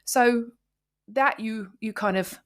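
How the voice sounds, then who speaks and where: A woman's voice: a little high, slow. Playful British woman leading a chat. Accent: British English. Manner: lively, playful, asks questions. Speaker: podcast co-host. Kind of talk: casual chat, leading the conversation.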